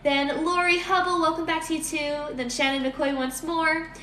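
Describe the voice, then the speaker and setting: A woman with a high, bright voice reads out viewers' questions for a live psychic show. She sounds congested. The room is echoey, with faint noise behind her. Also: fairly even intonation, moderate pace. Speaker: co-host reading out questions. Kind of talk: reading viewer questions aloud.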